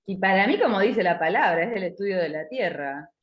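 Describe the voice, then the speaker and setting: A woman's voice: mid-range voice, lively intonation, fairly quick, lo-fi sound. A middle-aged woman student answering in class, hesitant and tentative. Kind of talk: class discussion.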